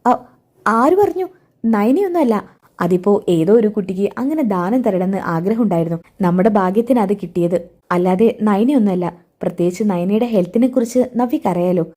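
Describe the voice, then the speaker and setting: A woman reading the part of a calm, caring young man who soothes a pregnant relative. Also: mid-range voice, a little fast, close to an everyday voice. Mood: evasive. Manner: soothing, reassuring, turns flustered when hiding things.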